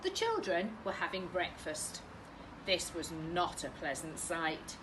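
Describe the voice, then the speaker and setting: A British woman, a primary teacher, reading a picture book to young children with expressive, carefully phrased delivery. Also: lowish voice, slow pace, background noise.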